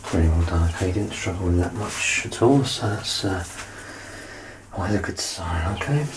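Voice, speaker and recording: In a hushed exam roleplay, a soft-spoken ASMR performer takes the clinician's part, calmly reassuring and guiding, often dropping into a whisper. The voice sits low with lively intonation at a normal speed, against a noisy background.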